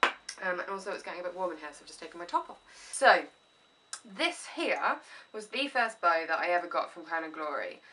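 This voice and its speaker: Very animated and quick, a woman from England rambles through a chatty haul video in a home room, bright and forceful despite a sniffly head cold. Her pitch runs low, she jokes at her own expense, and her voice sounds slightly distant from the microphone.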